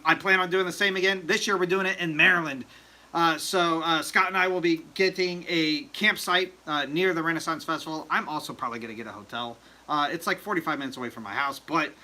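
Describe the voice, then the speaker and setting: A man hosts a casual livestream chat, rambling with plenty of fillers and joking with his viewers. His voice is a little high with a sharp tone, and the recording is rough.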